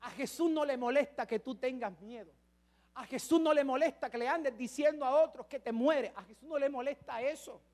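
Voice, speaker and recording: At a normal speed, a high-voiced pastor delivers a sermon full of banter with the congregation. He preaches dramatically, dropping to near-whispers and then building to shouted emphasis.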